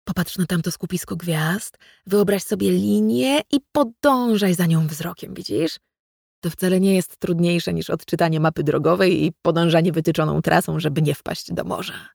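An enthusiastic adult husband who loves explaining the stars, read by a woman narrator. The voice stays gravelly and close, in a dry, unreverberant audiobook recording. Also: on the low side, normal speed, a little mellow, dry recording. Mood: eager. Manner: eager, explaining. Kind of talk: read-aloud literary fiction.

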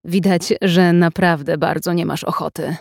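A woman's voice: lowish voice, fairly even intonation, moderate pace, vocal fry, a little mellow, no room sound. An offhand young man who teases and shrugs things off, as a woman reads his lines in a story. His voice stays light and easy, never pushed into a put-on character, and the recording is close and dry. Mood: teasing. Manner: offhand, teasing. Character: casual teasing young man, boyfriend type.

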